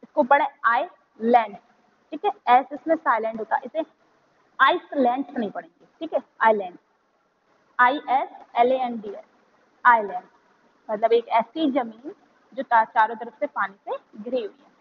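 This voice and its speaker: A woman teacher with an Indian accent, giving a vocabulary lesson to children, spelling each word letter by letter before explaining it. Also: a little high. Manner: spells words letter by letter, then explains slowly. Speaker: school teacher. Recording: muffled lo-fi recording with faint background hiss.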